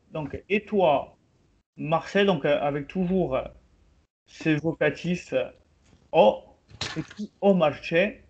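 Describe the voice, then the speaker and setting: A man teaching a group language class over a video call, explaining slowly with many pauses and fillers. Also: on the high side, slight background noise. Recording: slightly muffled video call audio.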